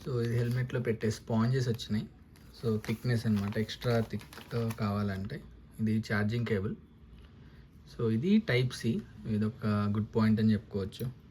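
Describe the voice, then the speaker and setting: He's a motovlogger with a low, mellow voice, talking at a moderate pace as he unboxes a product and explains the installation step by step. His delivery is casual, and he mixes in English terms. Recorded on a lavalier, the clip has clear noise and ambient sound.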